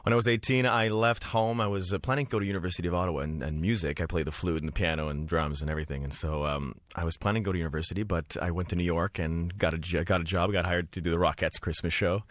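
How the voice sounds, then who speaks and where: A man's voice: low voice, fairly even intonation, fast talker, few pauses, no room sound. A young French Canadian man, a musical theatre actor, chatting energetically with many fillers as a radio studio guest.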